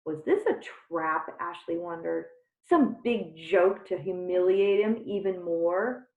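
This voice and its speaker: A woman reading a children's chapter book aloud with unhurried, expressive storytelling. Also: lowish voice. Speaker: reader. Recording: tinny phone-like sound in a roomy space.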